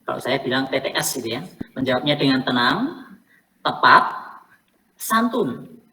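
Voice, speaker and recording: Low-voiced woman coaching from a distance. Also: lively intonation, moderate pace, sharp tone. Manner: explanatory, repeats key points, casual asides. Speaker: coach for teacher selection interviews. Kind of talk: online coaching session talk. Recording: faint noise, somewhat distant from the mic.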